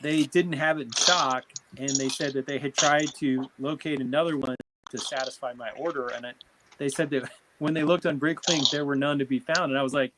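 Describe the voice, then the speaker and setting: Man on a call with loud background noise. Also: mid-range voice, steady tone, brisk. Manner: amused, laughs at his own stories. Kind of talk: casual chat on a livestream.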